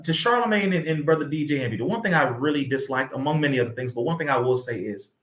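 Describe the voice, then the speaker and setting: A man's voice: medium pitch, animated, fast talker, fairly bright tone. A young man giving impassioned reaction commentary on a video, preaching and addressing listeners directly as y'all. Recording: echoey room.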